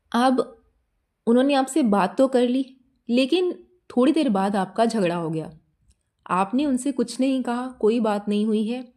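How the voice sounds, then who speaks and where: A woman with a mellow, soft-edged voice gives a spiritual talk straight to her listener. She explains step by step, poses questions, and keeps checking in to make sure she is followed. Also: mid-range voice. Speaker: spiritual guidance channel host.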